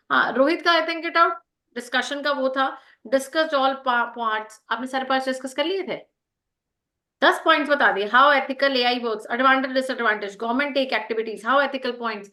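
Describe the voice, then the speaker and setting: A woman with an Indian accent giving brisk corrective feedback and a lecture on a video call, mixing Hindi and English. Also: sits high, pushed and bright. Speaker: group discussion trainer.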